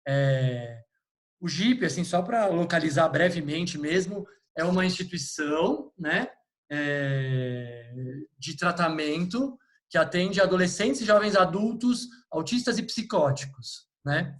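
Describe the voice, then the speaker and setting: A man's voice: a little high, takes it slowly. Informal Brazilian man on a video call. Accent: Brazilian Portuguese. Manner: relaxed, informal, frequent fillers. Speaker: clinician presenting his institution. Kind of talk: online meeting talk.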